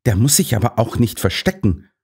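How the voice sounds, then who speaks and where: A man's voice: medium pitch, sing-song, fairly quick, creaky, darkish tone, breathy edge, pitched above the performer's own voice, heavily acted. A man voicing a stern male first officer who admonishes the others.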